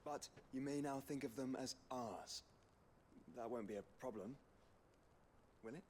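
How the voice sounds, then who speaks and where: A man playing a composed young nobleman in a video game, formal, measured and quietly commanding. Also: medium pitch, a little hiss or hum, natural voice.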